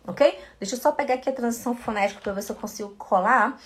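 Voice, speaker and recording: A woman teaching a live-streamed German lesson from home, chatty, greeting viewers by name and slowly repeating words. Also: on the high side. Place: at home in front of a computer. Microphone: computer camera mic.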